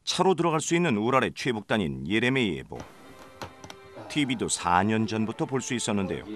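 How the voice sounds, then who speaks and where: A man narrating a documentary in a measured, informative scripted voice. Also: lowish voice, very animated, a bit bright, soft background music.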